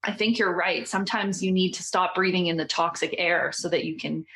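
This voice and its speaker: A woman hosts a podcast interview, gently affirming what her guest says and asking reflective questions. Her voice sits a little low for a woman. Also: fairly even intonation, fairly quick, poor audio. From Canada. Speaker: podcast host, nurse.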